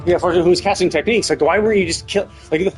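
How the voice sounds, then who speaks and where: A man with a high-pitched voice talks fast while livestreaming casual game commentary, ranting emphatically and exasperatedly and swearing freely. Faint music plays behind him.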